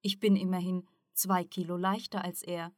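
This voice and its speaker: A woman's voice: fairly low pitch, flat delivery, normal speed, no echo, studio quality, natural voice. A woman reading the part of an enthusiastic young man who volunteers eagerly in an audiobook. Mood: keen.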